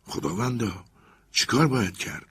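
A man's voice: mid-range voice, big pitch swings, slightly rough, pitched above the performer's own voice. Man doing a feverish commanding master. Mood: urgent, commanding. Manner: loud urgent shouted commands. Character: excitable obsessed male master, commanding.

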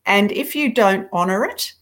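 A middle-aged woman speaking as an author guest in an interview. She talks thoughtfully and with gentle self-deprecation. Her sentences often restart as she searches for the right words. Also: medium pitch, animated, normal speed. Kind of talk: reflective interview talk.

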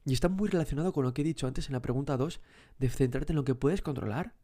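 A fast-talking man with a dark, medium-pitched voice hosts a motivational self-help podcast. He speaks straight to the listener, firing off rhetorical questions and repeating words for emphasis.

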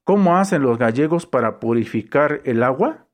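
A man reading short jokes aloud as an unhurried storyteller who briefly voices the punchlines. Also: mid-range voice, lively intonation. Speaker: joke reader.

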